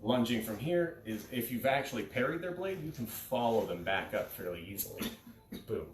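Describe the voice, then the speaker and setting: A man's voice: medium pitch, sing-song, normal speed, a little hiss or hum. A man in his thirties explaining fencing technique in a casual, informal instructional style. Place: carpeted living room. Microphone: camera several steps away. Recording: echoey room, distant from microphone.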